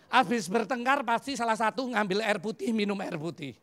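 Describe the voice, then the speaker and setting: A preacher with a Javanese accent tells personal stories from the pulpit, acting out both sides of little conversations. The delivery is lively and playful, with English phrases slipped in, and carries the ease of someone in their fifties. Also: medium pitch, fairly quick. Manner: animated storyteller who acts out dialogues and mixes in English phrases. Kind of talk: humorous sermon with personal stories.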